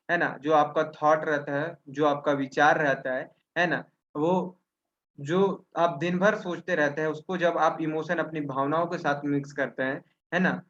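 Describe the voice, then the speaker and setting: Male webinar trainer, high-pitched, explaining step by step, rhetorical Q&A style, muffled call audio. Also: fairly bright tone, a little hiss or hum. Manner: asks himself questions and answers them, with frequent "है ना?" tags. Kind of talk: explanatory teaching talk. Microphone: video call.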